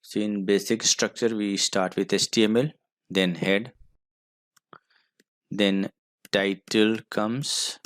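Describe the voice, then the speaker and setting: A man's voice: fairly low pitch, steady tone, slow, long pauses, fairly bright tone, dry recording, clean studio sound. A man with an Indian English accent teaching a school computer class, dictating code step by step. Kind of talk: screen-recorded coding lesson.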